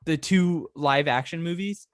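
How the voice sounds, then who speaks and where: A man's voice: on the high side, a little slow, dry recording. Laid-back young man, dry close sound. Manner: laid-back, swears casually, laughs often. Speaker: podcast co-host. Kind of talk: casual chat.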